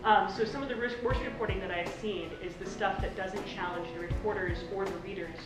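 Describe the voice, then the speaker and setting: Female American presenter, rushed informal lightning talk, medium pitch, very reverberant and distant sound. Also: steady tone. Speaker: speaker giving a lightning talk. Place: echoey presentation room. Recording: echoey hall, distant pickup, music flagged behind.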